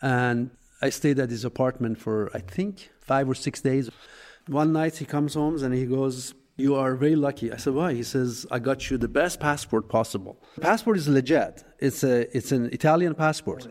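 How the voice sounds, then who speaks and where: A man's voice: medium pitch, normal speed, a little mellow. Man telling his story. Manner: rambling, with restarts and self-corrections. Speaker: interviewee. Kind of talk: personal storytelling.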